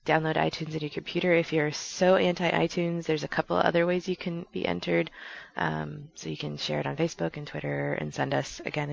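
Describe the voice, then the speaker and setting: Recorded on a headset with dull audio, this podcast host is a woman whose voice sits low and gravelly. She rambles in a chatty, casual manner, running herself down and laughing whenever she slips up.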